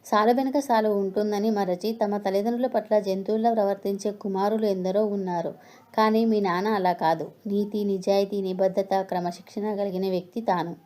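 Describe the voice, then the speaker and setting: A woman's voice: medium pitch, steady tone, fairly quick, mellow, natural voice. Woman reading as a preachy old retired teacher. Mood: lecturing. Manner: lecturing, preachy. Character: elderly retired male schoolteacher, stern and moralizing.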